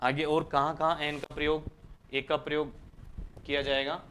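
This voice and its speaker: Bright, crisp-voiced Indian man teaching. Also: fairly high pitch, level tone, moderate pace, a little hiss or hum. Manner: repeatedly asks the class questions and answers them himself. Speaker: English grammar teacher. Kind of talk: Hindi lecture explaining English articles.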